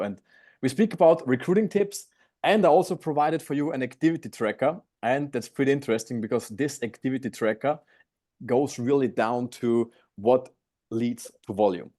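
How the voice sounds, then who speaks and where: A man's voice: mid-range voice, warm tone. A man in his twenties from Austria with an Austrian accent, eagerly teaching an online sales masterclass from home on a video call. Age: 20s. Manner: upbeat, eager, slightly non-native phrasing. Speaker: guest speaker.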